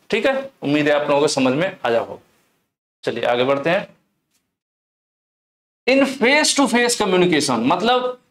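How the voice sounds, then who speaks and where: A young man teaches an exam-prep lesson, explaining slowly, repeating key words and reading English questions aloud. His voice is high and a bit bright, and the room is echoey.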